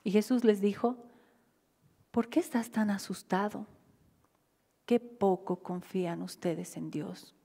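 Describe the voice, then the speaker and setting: Female Bolivian preacher, slow husky delivery, whispers to shouts, long hall reverb. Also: mid-range voice. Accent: Bolivian Spanish. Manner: swings from near-whispers to loud cries. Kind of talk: sermon. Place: church hall.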